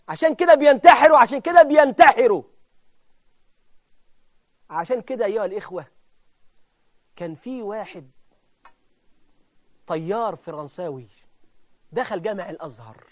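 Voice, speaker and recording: A man with an Egyptian Arabic accent preaching a fervent sermon, dropping to hushed asides and rising to loud climaxes. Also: sits high, no echo.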